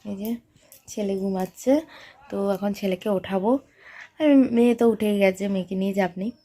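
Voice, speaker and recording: A woman's voice: mid-range voice, fairly even intonation, fairly quick, warm tone. A young woman chatting casually to her viewers while vlogging her day at home, with lots of fillers. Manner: chatty, addresses viewers directly, many fillers. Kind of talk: casual vlog narration to viewers. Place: home, indoors. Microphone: phone camera held by the speaker.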